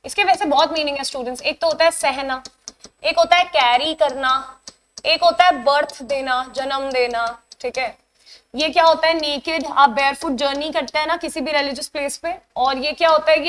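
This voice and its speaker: A young Indian woman teaching English vocabulary for an exam, switching between Hindi and English and reading the example sentences slowly and deliberately. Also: high voice. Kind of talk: online exam-prep lesson.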